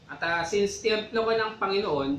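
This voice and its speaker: In casual faith talk on a church show he co-hosts, a man with a high, somewhat bright voice speaks at a moderate pace, exhorting "mga kapatid" and checking in with "di ba" again and again between preachy asides. The rough recording is reverberant, with a little hiss or hum.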